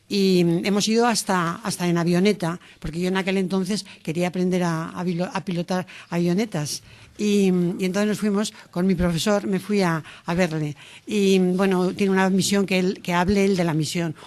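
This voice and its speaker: A woman's voice: fairly low pitch, a little mellow. A woman in her sixties, a former diplomat, recalling her postings in a chatty, rambling way. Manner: chatty, rambling recollection with restarts. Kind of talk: interview answers.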